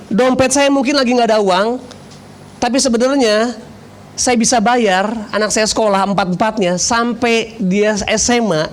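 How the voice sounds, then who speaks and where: A male pastor preaching in a lively storytelling way, joking and poking fun at himself. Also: very high-pitched, a little hiss or hum. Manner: lively, joking, self-mocking. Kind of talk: storytelling sermon.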